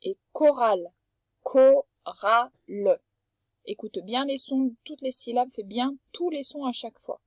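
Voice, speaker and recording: A woman teaching a young child to read, patient and clear, slowly drawing out words so each sound can be heard. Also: high-pitched, a little mellow, no echo. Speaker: primary school teacher. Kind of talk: remote reading lesson for a young child. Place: at home.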